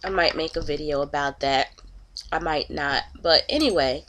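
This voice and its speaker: A vlogger in her thirties gossips casually to camera from inside her home, her low, fairly bright voice moving at a moderate pace. A cold leaves her sounding congested and nasal, and her chatty commentary openly shows disgust.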